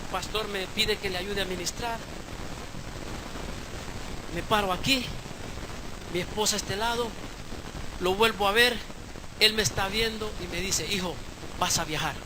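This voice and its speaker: A man preaches at a church service, his voice pitched very high for a man. He tells his story quietly, then rises to fervent, shouted exhortation. The live recording carries a clear layer of background noise. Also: fairly even intonation, unhurried, long pauses. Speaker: pastor. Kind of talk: sermon.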